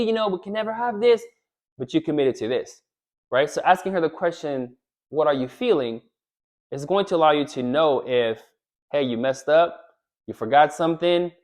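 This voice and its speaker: A man giving relationship advice straight to the camera, animated, often checking in with "right?" and acting out what a wife might say. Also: mid-range voice. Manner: animated, repeats "right?", acts out quoted lines. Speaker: relationship coach. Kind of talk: direct-to-camera advice talk.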